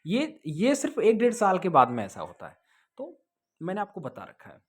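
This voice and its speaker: In a casual explanatory Q&A to camera, a man fields viewers' questions on police jobs, giving advice conversationally and often asking "okay?" or "understood?". His husky, high-pitched voice swoops wildly in pitch at a moderate pace.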